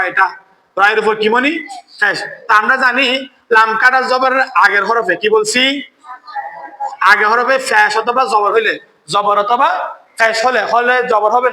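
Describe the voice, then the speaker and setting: A man with a very high-pitched, pushed and bright voice teaches a classroom tajweed lesson on Quran recitation, recorded in a roomy space with poor audio. He quizzes his students, often asks "কেমন?" to make sure they follow, and chants verses slowly when demonstrating recitation.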